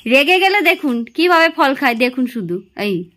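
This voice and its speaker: High-voiced woman coaxing gently. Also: very animated, moderate pace. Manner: gentle coaxing tone toward an elderly mother. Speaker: family vlogger. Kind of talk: casual family vlog talking to camera.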